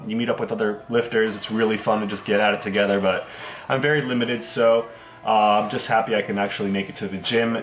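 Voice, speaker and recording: A young man talking casually to camera as a fitness vlogger, relaxed and chatty with loose fillers. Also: lowish voice, a little hiss or hum. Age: young adult. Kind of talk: casual vlog talk to camera. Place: large gym, indoors. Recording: echoey with background music.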